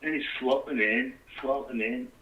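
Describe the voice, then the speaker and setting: A man's voice: mid-range voice, moderate pace, distant mic, dull audio. A middle-aged man, a guest rambling through a story in casual talk with plenty of "you know". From New York.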